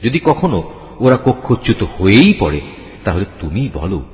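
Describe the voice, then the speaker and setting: A man reads scripture in a solemn, measured way. His voice sits low but rises and falls widely. The recording is dull and lo-fi, with a roomy hall reverb around him. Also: big pitch swings, a little mellow. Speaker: reader of a scripture translation.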